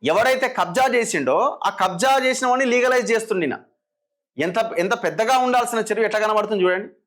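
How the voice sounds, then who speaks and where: Fast, high-pitched sarcastic Telangana commentator. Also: male voice, lively intonation, a bit bright. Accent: Telangana Telugu. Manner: sarcastic, combative rhetorical questioning. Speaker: political commentator. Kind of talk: opinionated political commentary.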